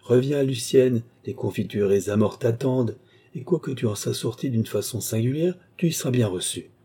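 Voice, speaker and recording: A man's voice: medium pitch, a little fast, warm tone, breathy edge, pitched above the performer's own voice. A man voicing a gracious countess who coaxes sweetly, in a storybook reading. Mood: coaxing. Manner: sweet, coaxing.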